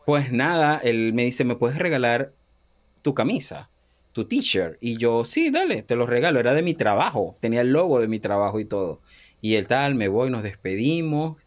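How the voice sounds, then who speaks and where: A man's voice: mid-range voice, moderate pace. Chatty man telling his love story. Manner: animated, acts out quoted dialogue, laughs often. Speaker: interview guest. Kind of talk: casual storytelling interview.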